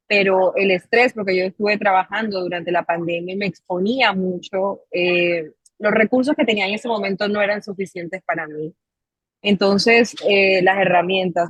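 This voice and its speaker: Husky-voiced coastal woman. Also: fairly low pitch, no echo, rough recording. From Colombia, Caribbean coast. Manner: measured, with frequent pauses and fillers. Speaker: psychologist and mindfulness coach, guest. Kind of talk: interview guest, reflective storytelling.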